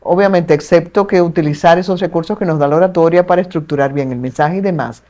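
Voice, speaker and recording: Dominican woman explaining with expressive ease. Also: lowish voice. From Dominican Republic. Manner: articulate, measured, expressive with playful asides. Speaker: communication expert guest. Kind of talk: explanatory interview talk.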